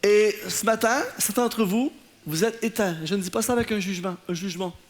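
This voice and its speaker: A man's voice: high voice, brisk. A man, a pastor preaching to a live audience and acting out the people in his anecdotes. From Canada. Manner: animated storytelling, acting out the people in his stories. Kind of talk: sermon. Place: church in front of an audience, laughter heard.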